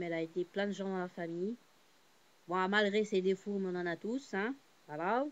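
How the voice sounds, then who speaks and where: Through a muffled recording comes a woman's lowish voice as she shares a personal story casually. Born in Portugal to a Cape Verdean family, she rambles with frequent fillers and restarts, sounding heartfelt and alternating between subdued and animated.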